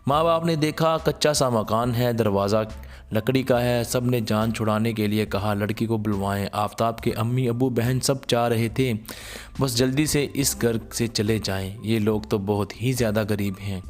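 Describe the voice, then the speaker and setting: A man narrating an emotional moral story in a slow, sorrowful storytelling manner. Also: medium pitch, steady tone, faint music behind.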